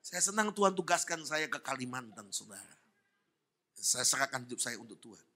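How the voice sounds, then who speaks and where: A man preaching a fervent sermon at a church service, jumping between shouted praise and hushed asides. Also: mid-range voice, very animated, fairly quick. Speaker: pastor.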